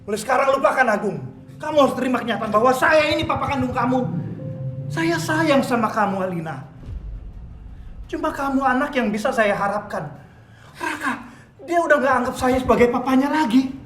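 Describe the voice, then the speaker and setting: An actor playing a menacing, domineering villainous father who bullies and shouts orders in a TV drama. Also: extremely high pitch, expressive, fairly quick, pauses often, reverberant, faint music behind. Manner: harsh, bullying, shouts orders. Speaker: scheming father.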